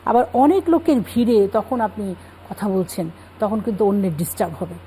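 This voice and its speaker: Mellow-voiced woman explaining religious teaching. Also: mid-range voice, a little fast, slight background noise, rough recording. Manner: calm explanatory, cites scripture. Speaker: religious guest speaker. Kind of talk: Islamic talk show explanation.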